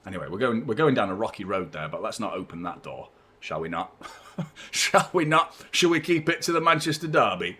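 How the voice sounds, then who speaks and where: A young man hosting a fan watchalong stream, rambling chattily and giving shout-outs to viewers. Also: fairly low pitch, big pitch swings, quick pace. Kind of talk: live stream chat with viewers.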